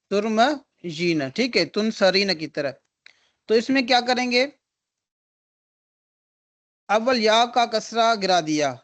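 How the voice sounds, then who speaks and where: A man's voice: high-pitched, fairly bright tone. A male teacher giving an online grammar lesson, explaining step by step and answering his own questions. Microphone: video call.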